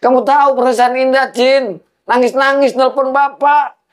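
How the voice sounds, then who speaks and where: A man's voice: extremely high pitch, fairly even intonation, moderate pace. An actor playing a furious scolding father. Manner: scolding, insistent, confrontational. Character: angry middle-aged father confronting son-in-law. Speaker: father-in-law. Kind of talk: low-budget film acting.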